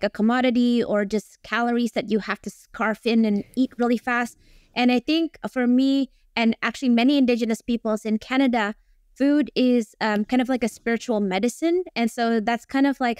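A woman's voice: fairly high pitch, darkish tone, clean tone, no room sound, clean studio sound. A woman from Indonesia, in her forties, a guest professor talking over a video call with many ums. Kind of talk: casual interview.

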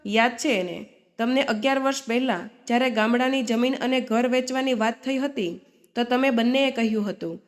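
A firm, outspoken grown daughter, read by a woman storyteller, who speaks up for her mother in a storybook tale. Her voice sits somewhat high and stays close to a plain reading voice. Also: lightly acted. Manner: firm, scolding.

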